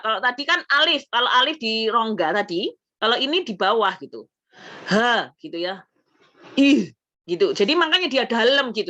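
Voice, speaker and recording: A woman's voice: on the high side, pushed and bright. A woman with an Indonesian accent giving a casual lesson on Quran recitation. She explains patiently, often adding "gitu ya", and sounds out letters aloud to demonstrate.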